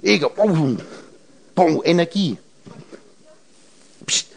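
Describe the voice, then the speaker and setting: This man's voice is a little high, with lively intonation, drawn-out words and vocal fry. Addressing a group, he wanders through esoteric notions, dissecting words into letters and numbers while questioning his listeners directly.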